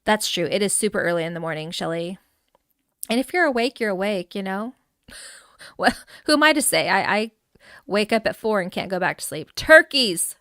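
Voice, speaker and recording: A woman's voice: mid-range voice, animated, moderate pace, a bit bright, no echo, studio quality. A middle-aged woman hosting a live game stream, chatting casually and laughing as she reads out viewer names. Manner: chatty and giggly, reading out chat names. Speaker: livestream host touring a game island. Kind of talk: casual live gameplay chat.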